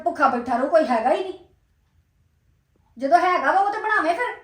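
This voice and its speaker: A woman's voice: high-pitched, fairly bright tone, echoey room. A woman with a Punjabi accent, acting an angry, reproachful younger sister-in-law in a scripted family drama.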